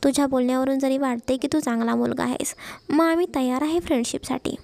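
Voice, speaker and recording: Talkative young college girl, outspoken and lively, high and gravelly, voiced by a woman narrator. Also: fast talker. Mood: chatty.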